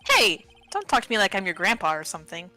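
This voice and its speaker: Woman voicing a deadpan young lawyer guy, bright voice, game fan dub. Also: medium pitch, fast, soft background music. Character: 24-year-old male lawyer, dry and weary.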